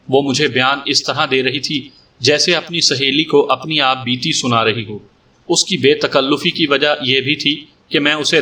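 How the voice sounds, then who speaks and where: A male storyteller reads in a measured, steady way, his tone bright and forward. His voice sits a little back from the microphone, giving the audiobook a slightly distant sound. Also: mid-range voice.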